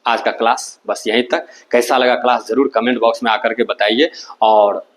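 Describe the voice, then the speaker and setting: A man's voice: medium pitch, fairly even intonation, moderate pace. A male teacher giving a Hindi-language grammar lesson, repeating each definition and spelling words letter by letter, asking questions and answering them himself.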